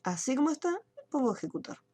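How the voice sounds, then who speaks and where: A woman's voice: sits high, very animated, fast, a little mellow, slightly rough. A woman teaching an online computer class, explaining each step and checking in with her students. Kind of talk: screen-share software tutorial.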